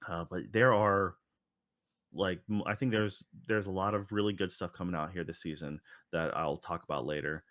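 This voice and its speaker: A male podcast co-host with a low voice rambles through casual chat, full of fillers and restarts. He keeps fairly even intonation at a moderate pace with a fairly bright tone, recorded in studio quality without echo.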